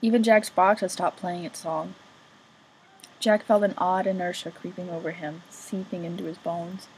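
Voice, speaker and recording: A woman's voice: lowish voice, steady tone, normal speed, darkish tone, slight background noise, rough recording. A woman reading a novel chapter aloud as an amateur reader, casually remarking on her own slips.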